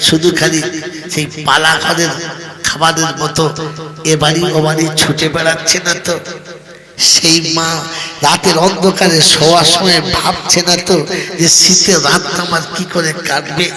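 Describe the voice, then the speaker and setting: Bengali preacher with an echoing loudspeaker sound. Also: male voice, little pitch movement, normal speed. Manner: soft storytelling that rises into impassioned high-pitched appeals. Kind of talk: Bengali waz sermon storytelling. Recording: echoey open-air loudspeaker sound with crowd.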